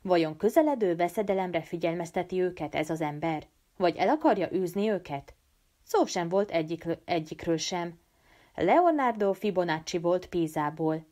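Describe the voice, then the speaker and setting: A woman reading a novel aloud as an audiobook, with an animated, expressive delivery. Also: lowish voice. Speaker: audiobook reader. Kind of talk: storybook narration.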